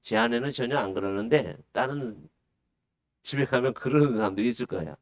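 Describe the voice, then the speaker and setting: A man's voice: mid-range voice, a little fast, gravelly. A male pastor preaching a sermon. He puts questions to the congregation and answers them himself. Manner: acts out the disciples' pleading in a raised voice.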